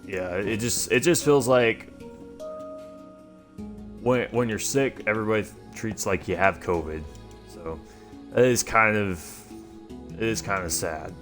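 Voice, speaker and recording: Low, nasal young-sounding male streamer. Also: unhurried, long pauses, fairly bright tone. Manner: rambling, loose, full of fillers and restarts. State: stuffy from allergies. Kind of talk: casual gaming livestream commentary. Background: music.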